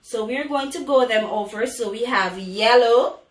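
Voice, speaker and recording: Female preschool teacher, high and slow, overbright singsong questioning for little children, recorded off-mic in an echoey room. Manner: overbright, exaggerated kids-host delivery with singsong questions. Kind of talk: children's lesson, call-and-response. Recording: echoey room, distant microphone.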